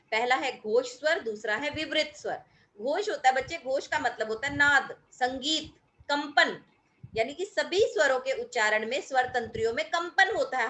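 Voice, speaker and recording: A woman's voice: high-pitched, a bit bright. A woman teacher giving a recorded grammar lesson, explaining patiently to her pupils and drawing out sounds to demonstrate pronunciation. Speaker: school teacher.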